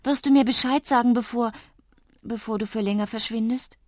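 A woman's voice: medium pitch, expressive, measured pace, no echo, clean studio sound. A woman playing an anxious young girl who pleads eagerly. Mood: pleading.

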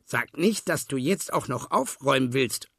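A man's voice: mid-range voice, lively intonation, normal speed, vocal fry, a bit bright, dry recording, studio quality. A man voicing a sly, lazy fox that grumbles and schemes in a storybook reading. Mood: scheming. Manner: grumbling, wheedling.

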